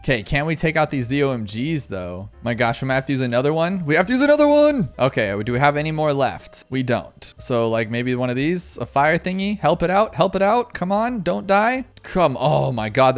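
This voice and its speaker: Young male gaming host, excitable, mid-pitched, chatty play-by-play with faint music underneath. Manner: excitable, exclaims often, talks to himself and viewers. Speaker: gaming YouTuber. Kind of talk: excited gameplay commentary.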